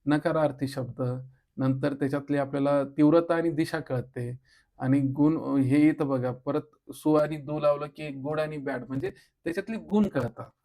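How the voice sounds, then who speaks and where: A man with a Marathi accent leads an exam-prep grammar lesson in a slightly high voice, recorded on a close microphone. He explains each point step by step and keeps turning to his listeners with quick rhetorical checks. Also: fairly even intonation, gravelly, dark tone. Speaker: teacher.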